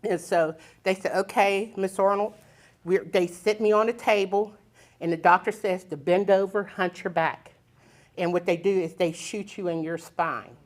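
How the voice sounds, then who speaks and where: At a live storytelling event, a woman shares a personal story in a lively, colloquial way, performing the voices of the people involved. Her voice is on the lower side.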